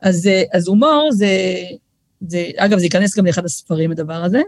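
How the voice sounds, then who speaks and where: A woman's voice: fairly low pitch, dry recording. Middle-aged woman, guest author on a podcast, chatty storyteller with a close, dry sound. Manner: lively storyteller, acts out quoted voices, frequent restarts. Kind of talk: casual podcast conversation.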